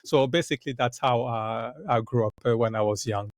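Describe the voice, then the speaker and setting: A man's voice: mid-range voice, fairly even intonation, fairly quick, no room sound, studio quality. A man from the Democratic Republic of Congo, a podcast guest, talking earnestly in casual interview talk, with frequent "uh" and "basically" fillers.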